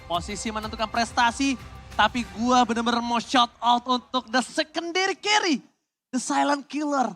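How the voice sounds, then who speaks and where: A male esports caster delivers excited play-by-play commentary. His pitch is extremely high and he hypes hard, dropping English phrases into his calls. Loud music plays behind him. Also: moderate pace. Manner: hype shouting, mixing English phrases into speech.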